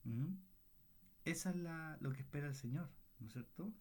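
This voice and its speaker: A man's voice: a little high, creaky, a little mellow, slightly rough. A man leading a Bible study, asking the group questions and checking in with them often as he works through the passage. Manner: unhurried, thoughtful delivery with restarts.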